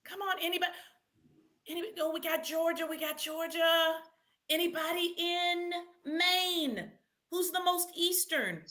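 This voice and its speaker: Very high-pitched and unhurried, a woman leads a live read-aloud quiz for kids. She calls out to the young participants, repeats questions and keeps an animated, encouraging tone.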